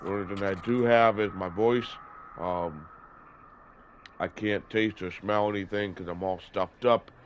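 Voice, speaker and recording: Hosting a gaming video, a man in his early thirties chats casually about the gameplay while congested and sore-throated from a cold, rambling, using fillers and correcting himself. His fairly low voice keeps fairly even intonation and moves a little slowly, captured in dull lo-fi audio with background noise.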